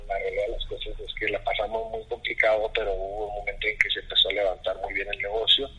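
A middle-aged man, telling his story as an interview guest in an animated, casual way. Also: fairly low pitch, fast talker, slightly rough, rough recording. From Mexico. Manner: animated, acts out dialogue, many fillers. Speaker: interview guest, goalkeeper coach.

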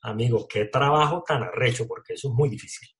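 A man's voice: medium pitch, quick pace. A man from Colombia, an actor talking casually in an interview, full of slang, fillers and restarts.

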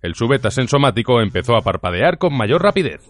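A man narrates an audiobook in a lively voice that swings widely in pitch. His register sits in the middle, and his telling is measured and clear. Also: noisy background.

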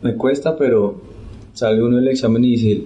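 A man tells his story of faith in an earnest, animated way, acting out the voices of the people in it. His voice is mellow and sits at a middle pitch. The recording sounds slightly muffled. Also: normal speed. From Santander, Colombia. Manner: earnest, animated retelling with acted-out quotes. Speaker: guest sharing testimony. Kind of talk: casual conversational testimony.

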